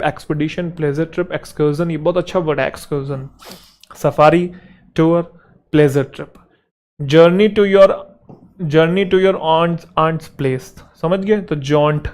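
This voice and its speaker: Man, exam-prep vocab teacher, slightly high voice, chatty, jokes, slow read-outs of examples. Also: darkish tone. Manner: explains in Hindi, reads English examples slowly and deliberately; chatty, jokes with students, keeps asking "theek hai?".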